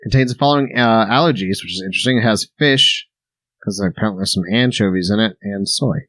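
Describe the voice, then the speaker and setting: A man's voice: fairly low pitch, quick pace, fairly bright tone, dry recording. An easygoing man co-hosting a casual sauce-tasting podcast, agreeable and reading out the ingredient list. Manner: easygoing, agreeable, reads lists aloud. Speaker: podcast co-host.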